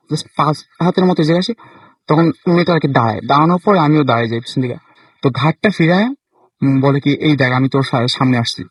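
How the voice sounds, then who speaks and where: A man's voice: on the high side, slightly rough, no echo, rough recording. A young man from Bangladesh, a caller telling his own ghost experience in casual, hesitant speech full of fillers and restarts. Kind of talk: casual first-person storytelling.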